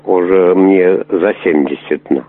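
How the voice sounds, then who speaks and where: This prank caller has a low-pitched voice and a slow pace, with no room sound. Crude, pushy and rambling, he swears often and repeatedly asks to meet, all heard through a tinny phone line.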